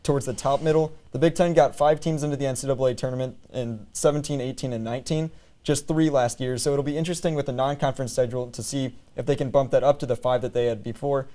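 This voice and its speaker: A medium-pitched, mellow male voice speaks fast with fairly even intonation. The speaker, an American man in his twenties, is a student sports reporter doing highlight reads and play-by-play commentary.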